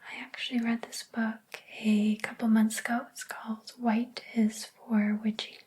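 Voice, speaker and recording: Slow whispered role-play, woman as hushed librarian. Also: a little high, flat delivery. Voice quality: breathy unvoiced library whisper. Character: sweet, helpful woman librarian.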